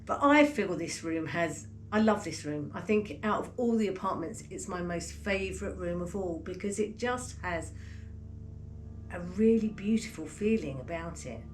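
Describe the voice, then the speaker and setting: A woman's voice: on the low side, expressive, moderate pace, soft background music. A woman hosting a renovation vlog, talking casually and chattily to camera. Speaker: vlog host and chateau owner.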